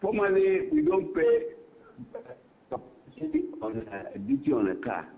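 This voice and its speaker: A male caller, speaking haltingly and complaining about import duties over a muffled phone line. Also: high voice, huge pitch swings.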